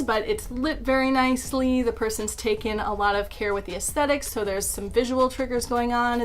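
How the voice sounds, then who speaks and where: A woman's voice: a little high, a bit bright. A young woman, a YouTube creator, chatting casually as she explains something, with frequent "like" fillers and self-deprecating asides.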